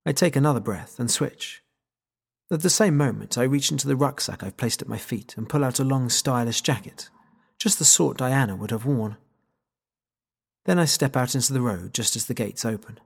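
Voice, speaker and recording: A man narrates a novel in the first person with a wry, sardonic edge. His voice is mid-pitched and gravelly, with a husky grain that stays under every line. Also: normal speed. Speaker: audiobook narrator.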